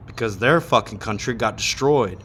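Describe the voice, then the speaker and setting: A man in his thirties in a casual, heated rant, swearing often and pausing between thoughts. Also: mid-range voice, fairly bright tone, slight background noise. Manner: heated, swearing, with long pauses. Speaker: monologue speaker.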